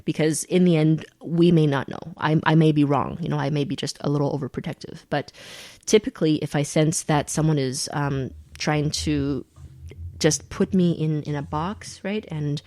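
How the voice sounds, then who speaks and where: A woman's voice: deep voice, fairly even intonation, moderate pace, warm tone, no room sound. A young adult woman, born in China and raised in Canada, talking reflectively as a podcast guest, laughing often and restarting her sentences. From born in China, grew up in Canada. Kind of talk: reflective conversational interview.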